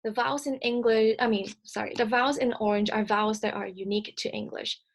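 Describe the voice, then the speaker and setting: A woman who speaks Cantonese as her first language presents a recorded slide lecture, explaining things in a measured way with lots of filler sounds. Her voice is slightly high, with fairly even intonation.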